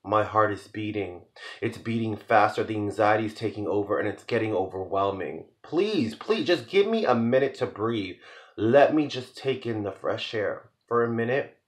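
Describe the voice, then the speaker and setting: Man reading his poetry, low-pitched. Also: expressive, normal speed. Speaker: poet reading his own work. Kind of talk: spoken-word poetry reading.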